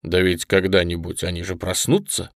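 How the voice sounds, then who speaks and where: A man voicing a wise, gently mocking straw scarecrow in an audiobook, speaking weightily. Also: deep voice, flat delivery, normal speed, gravelly, no echo, studio quality. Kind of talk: audiobook character reading.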